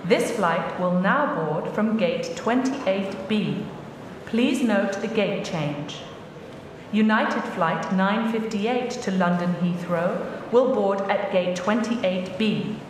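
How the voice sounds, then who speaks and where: Slow woman announcer over the intercom. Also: medium pitch, far from the mic, noisy background. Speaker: airport announcer. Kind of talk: scripted public address announcement. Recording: echoey hall, public address speaker from afar.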